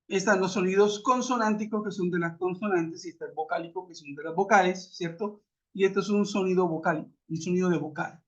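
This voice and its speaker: A man's voice: sits high, fairly bright tone. A man teaching an English lesson in an online class, explaining patiently and asking rhetorical questions over a web conference. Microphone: computer mic on a video call. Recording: muffled web conference audio.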